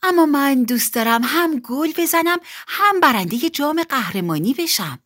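A woman's voice: sits high, expressive, a bit bright, voice pushed up. A woman voicing Betty Bunny, a determined little girl rabbit, in a storybook reading, sounding whiny and pleading. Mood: eager.

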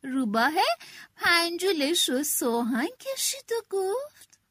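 A woman reading a children's animal story aloud in an animated storyteller manner. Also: very high voice, no echo, studio quality. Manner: animated, does all the animal voices.

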